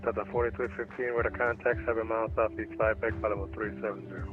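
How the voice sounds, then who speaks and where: A man's voice: on the low side, level tone, fast. A man working as an air traffic controller, giving clipped instructions in standard phraseology through a radio filter. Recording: muffled radio audio with music behind.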